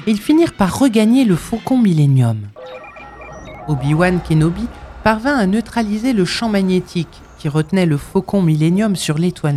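A man narrating a storybook with a clear, expressive read-aloud delivery. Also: sits high, slight background noise.

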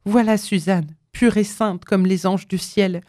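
A woman's voice: medium pitch, fairly even intonation, unhurried, a little mellow, dry recording, studio quality, natural voice. A woman voicing a tender old mother who pleads fervently with her son in a read-aloud story. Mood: pleading. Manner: fervent, imploring.

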